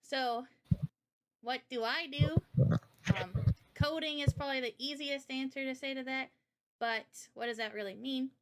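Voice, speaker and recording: A high-pitched woman explains her visual novel project in a livestream Q&A, speaking as its developer in casual slang. Her tone is steady and her pace moderate, broken by long pauses, on a rough recording.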